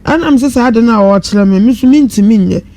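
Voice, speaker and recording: A Ghanaian-accented woman, a guest on a live radio discussion, tells her own story spontaneously in a fairly high, expressive voice that is warm and quick. The live studio sound around her is noisy.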